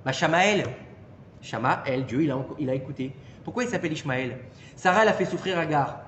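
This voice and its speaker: High-voiced man teaching in an echoey room. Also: a little fast. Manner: animated, questions the listeners and adds "d'accord?". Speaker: Torah teacher. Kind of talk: informal Torah lesson to a small group. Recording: echoey room with long reverb and faint noise.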